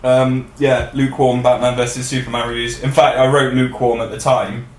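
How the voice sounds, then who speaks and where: A man's voice: medium pitch, flat delivery, a little fast. A man co-hosting a casual podcast chat, jokey and laughing often as he leads the segments. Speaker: podcast co-host. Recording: roomy echo.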